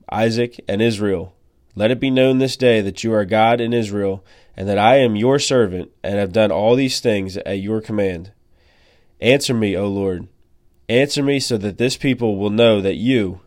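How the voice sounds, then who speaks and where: Stern, bold male prophet, as a man reads him, low and solemn, audio Bible story. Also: a little mellow, dry recording, studio quality, close to an everyday voice. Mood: fervent prayer.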